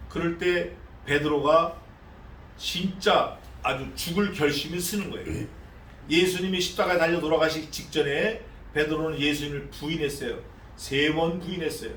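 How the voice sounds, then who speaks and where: A male pastor preaching an expository sermon in a church, animated and conversational, acting out the voices of the figures he speaks of. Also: on the high side, reverberant, far from the mic, slight background noise. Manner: conversational, asks the congregation questions. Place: church sanctuary.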